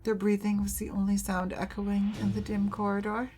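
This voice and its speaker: A woman's voice: medium pitch, monotone, normal speed, mellow. A woman hosting a let's play, reading a visual novel's story narration aloud. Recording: game music under the voice.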